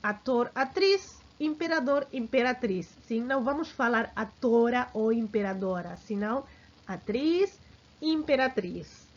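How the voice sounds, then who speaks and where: A woman teaching a grammar lesson, speaking slowly and deliberately and often checking in with her students. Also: a little high, expressive. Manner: slow and deliberate, checks in with frequent "sim?". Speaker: language teacher. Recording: dull lo-fi recording.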